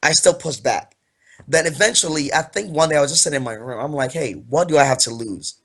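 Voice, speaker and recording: A man's voice: on the high side, brisk. A young man in his twenties, originally from Ghana, talking as an author guest in a casual interview, earnest and rambling with fillers.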